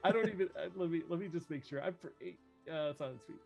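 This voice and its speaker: Male tabletop player, slightly high voice, joking casual chatter, music underneath. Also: fast, creaky, darkish tone. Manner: joking, muttering while checking numbers. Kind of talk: casual game-table chat.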